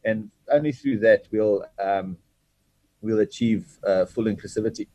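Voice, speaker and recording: A South African man with an Afrikaans accent, a native Afrikaans speaker, explaining himself earnestly and haltingly in an interview. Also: lowish voice, mellow, dry recording, dull audio. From Bloemfontein, South Africa. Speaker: guest, sports franchise chief executive. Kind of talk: reflective interview talk.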